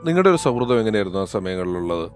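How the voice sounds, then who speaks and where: A man's voice: lowish voice, very animated, fast talker, a little mellow, faint music behind. A man hosting a chat show who asks questions and gives formal, flowing introductions of his guests. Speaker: host.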